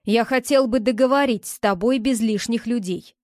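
A woman's voice: on the high side, moderate pace, a little mellow, dry recording, studio quality, natural voice. A woman voicing a young man, a tense ex-boyfriend who pleads and then turns curt and defensive, in an audiobook. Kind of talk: audiobook character reading.

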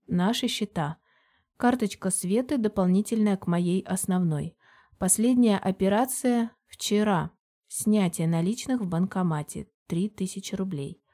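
Женщина с мягким тёплым голосом читает аудиокнигу. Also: female voice, mid-range voice, warm tone. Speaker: audiobook narrator. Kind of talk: scripted first-person audiobook narration.

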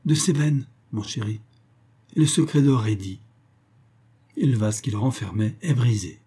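A man's voice: medium pitch, normal speed, warm tone, husky, natural voice. A man reading an audiobook voices a greedy, spiteful old woman on her deathbed, wheedling and gasping. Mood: dying. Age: older. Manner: wheedling, mercenary, cackling. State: dying, gasping out syllables.

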